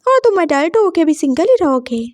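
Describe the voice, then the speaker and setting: A woman's voice: high-pitched, very animated, fairly quick, darkish tone, no echo. A woman voicing a cocky young male college student who taunts and teases in a story reading. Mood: taunting. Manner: taunting, teasing.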